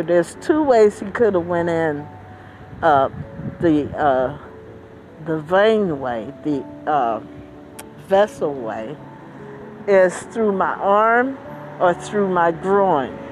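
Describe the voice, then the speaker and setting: A woman with a lowish voice talks slowly and casually, explaining things in a deliberate way and repeating points for emphasis. She sounds slightly muffled through a face mask, with faint outdoor noise behind her. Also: animated. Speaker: vlogger sharing personal medical experience. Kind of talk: casual explanatory monologue to viewers.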